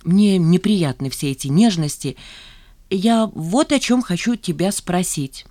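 A woman reading an audiobook, voicing a proud, sharp-tongued young woman. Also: fairly low pitch, lively intonation, a little slow, no room sound. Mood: bitter, haughty. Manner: haughty, cutting retorts.

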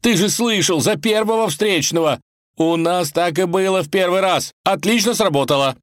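A man voicing a lovesick, excitable young man in a storybook reading, speaking high and frantic. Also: a little fast, no room sound, clean studio sound.

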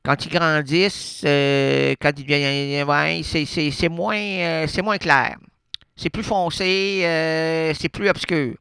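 A man's voice: a little high, fairly even intonation, takes it slowly, creaky, bright, forceful tone, clear, resonant tone, dry recording, clean studio sound. A man with a Québécois accent hosting a radio show, rambling through absurd monologue and playful wordplay with lots of hesitations. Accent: Québécois French. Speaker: radio host. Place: radio studio.

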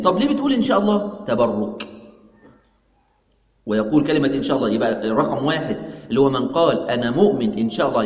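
A man with an Egyptian Arabic accent teaching a religious lesson, asking his class questions and answering them himself, repeating the key points. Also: medium pitch. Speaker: sheikh teaching a religious text. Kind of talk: religious lesson explaining a text. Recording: echoey hall.

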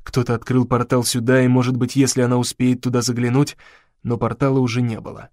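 A man narrating an audiobook in an ordinary mid-range voice, measured and dramatic. The recording is close and completely dry. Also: mid-range voice, completely flat delivery, a little mellow, dry recording.

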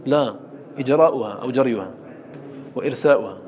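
In a classroom lesson on Quran recitation, a man with a mid-range, slightly mellow voice talks fast. He explains terms, quotes verses, and asks questions to check that students understand.

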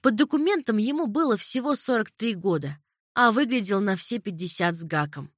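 A woman reading a crime novel in a calm, measured narration. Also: mid-range voice, dry recording, studio quality. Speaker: audiobook narrator. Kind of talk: scripted narration.

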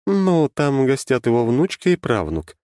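A man's voice: medium pitch, sing-song, unhurried, a little mellow, dry recording, studio quality, voice pushed up. Cheeky sly goddess done by a man. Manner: cheeky, mocking. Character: sly, brash female goddess, quick-tempered. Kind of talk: audiobook character voice.

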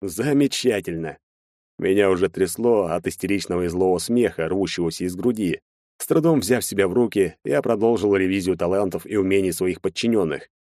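Low-voiced male audiobook narrator. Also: fairly quick, mellow, dry recording, studio quality. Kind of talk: first-person audiobook narration.

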